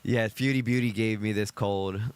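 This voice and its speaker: Hoarse deep-voiced man hosting a stream. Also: fairly even intonation, moderate pace. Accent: American Northeast. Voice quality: deep, gravelly. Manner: chatty, greets chat viewers by name. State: hoarse from a cold. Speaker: livestream host. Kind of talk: casual livestream commentary.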